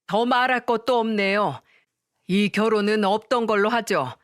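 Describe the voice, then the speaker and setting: A woman's voice: mid-range voice, moderate pace, no room sound, lightly acted. A woman voicing a middle-aged mother who stays polite but firm, in a storybook reading with a dry sound.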